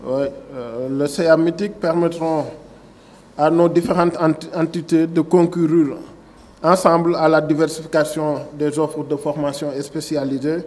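This fairly high, slightly mellow voice belongs to a man in his forties, an agency director with a Senegalese French accent. Speaking into a table microphone at a signing ceremony in a conference room, he delivers a formal speech that shifts from a prepared text to off-the-cuff remarks full of fillers and restarts.

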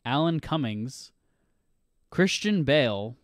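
A man hosts a casual podcast, rambling with plenty of uhs as he works through lists of names. His voice is smooth and clear at a middle pitch. The sound is dry and close. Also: animated, slow pace, dry recording. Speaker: podcast host. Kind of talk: casual chat.

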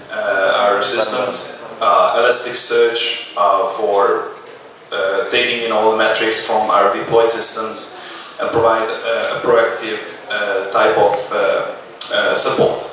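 A man in his thirties delivers a conference keynote in a casual, halting way, full of "uh" fillers. His voice has a bright, forward edge. It rings through a big echoey auditorium, caught from far back by the camera. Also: on the low side, little pitch movement. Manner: hesitant, many "uh" fillers, casual. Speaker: keynote speaker. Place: large auditorium stage, indoors. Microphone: handheld mic, filmed from far back. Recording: echoey hall, distant camera mic.

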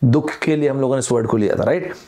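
A man's voice: mid-range voice, fast talker, mellow. A young man from India teaching vocabulary online, playful, acting out both himself and his students and quoting film lines. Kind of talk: lively Hindi vocabulary lesson.

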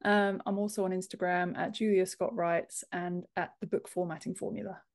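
Speaking at a moderate pace with flat delivery and fairly low pitch, this author and book formatter in her thirties is a casual podcast guest. She's on a video call from a room in her home.

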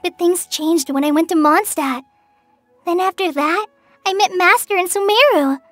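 In scripted lines for a fantasy video game, a young girl ranger speaks in a very high, youthful voice, soft, hesitant, sincere and a little shy. She sounds grateful and reflective, talking at a normal speed in a dry recording with light background music behind her.

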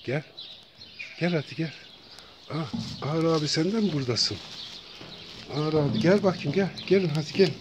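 A man talking casually to his cats, calling them over and over in a coaxing way and now and then gently scolding them. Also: fairly high pitch, moderate pace, pauses often, noisy background. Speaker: cat feeder. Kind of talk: casual talk to pets.

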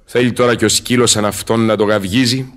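A man's voice: lowish voice, fairly even intonation, fairly bright tone, natural voice. A man playing Faust, a learned, solemn old scholar, declaiming and musing aloud in verse in a Greek radio drama. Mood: gently chiding.

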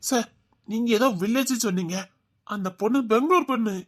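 A woman's voice: on the high side, a little fast, close to an everyday voice. A woman voicing a deferential assistant who politely explains things to her boss, in an amateur audio drama.

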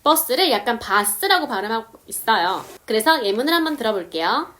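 A woman explaining English words step by step, saying example sentences slowly. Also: fairly high pitch, very animated, pushed and bright. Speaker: English teacher. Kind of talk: casual video lesson.

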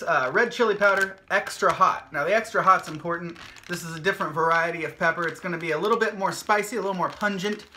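Bright-voiced upbeat man hosting a vlog. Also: sits high, slight background noise. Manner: upbeat, jokey and rambling, with many fillers. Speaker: hot sauce maker and video host. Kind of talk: casual chatty vlog.

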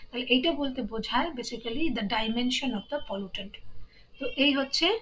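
A woman with a Bengali accent teaching an exam-prep lesson, reading questions out slowly and then explaining the answers briskly. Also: fairly high pitch, a bit bright, rough recording.

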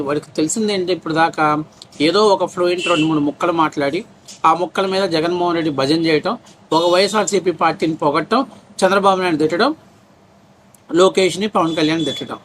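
A man's voice: sits high, a bit bright, a little hiss or hum. A man delivering a heated political rant as a commentator, mocking his target and firing off rhetorical questions. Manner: scornful, mocking, rapid-fire rhetorical questions.

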